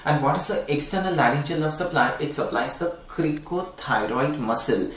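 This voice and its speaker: A man's voice: fairly high pitch, lively intonation, normal speed, a little hiss or hum. A middle-aged man with an Indian English accent teaching anatomy in an online lecture, quizzing students and repeating key terms. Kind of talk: online exam-prep lecture. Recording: echoey room, mic at a distance.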